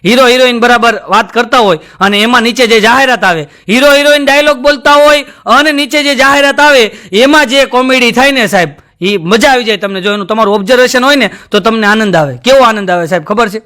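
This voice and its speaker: A high-voiced stand-up comedian performs live jokes and a moral talk on stage before an audience. He speaks quickly with hardly any pauses in a bright, forceful tone, telling stories, addressing the audience as sir, and mimicking voices.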